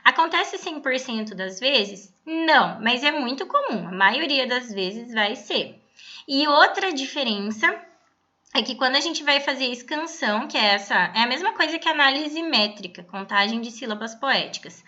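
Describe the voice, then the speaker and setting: Woman teacher, high bright voice, patient explaining, slightly dull lo-fi audio. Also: lively intonation. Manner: patient, explanatory, reads verses slowly aloud. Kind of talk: recorded online lesson.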